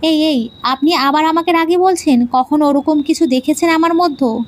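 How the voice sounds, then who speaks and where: High voice, woman doing a feisty new bride, teasing, snappy comebacks, audio story. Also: moderate pace, natural voice. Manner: playful, pouting retorts. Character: spirited young bride, quick-tempered and teasing.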